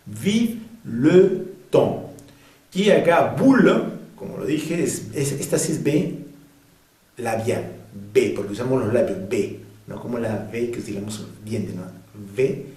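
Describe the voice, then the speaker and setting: A man teaching French pronunciation to Spanish speakers, drilling words slowly and carefully and now and then breaking into a bit of off-key singing. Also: mid-range voice, warm tone, roomy sound, far from the mic.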